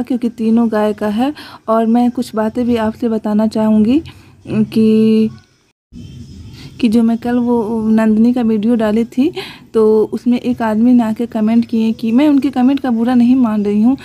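A young village vlogger with a warm, rather high voice speaks casually to her viewers in a voice-over vlog. She earnestly explains and defends her ways.

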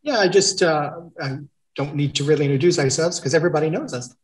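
A middle-aged painter co-hosts a casual video call chat from his home studio, where paintings hang on the walls. His slightly high voice moves fast as he talks in a chatty, rambling, easygoing way, often restarting sentences.

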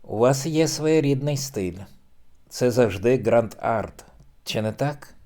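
A man's voice: mid-range voice, expressive, slow, mellow. A man reading the lines of a forward young woman who teases a shy man with probing questions. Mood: teasing.

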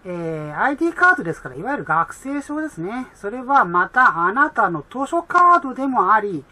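A woman explaining an English exam in a chatty way with many fillers, reading English lines slowly and. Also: a little high, big pitch swings, sharp tone.

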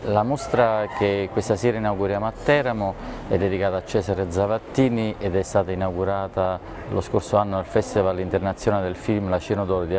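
A man's voice: on the low side, background noise. A man who organizes a film festival, giving a formal, ceremonious statement in a TV interview.

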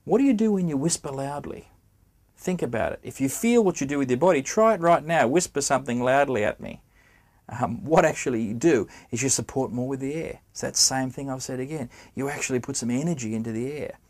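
A middle-aged man explaining how to play the trumpet in an easy, conversational teaching voice. He talks straight to the listener and keeps asking them questions. His pitch sits in the middle of the range. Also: fairly quick, a little mellow. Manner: conversational, addresses the viewer directly with questions. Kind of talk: spoken music lesson to camera.

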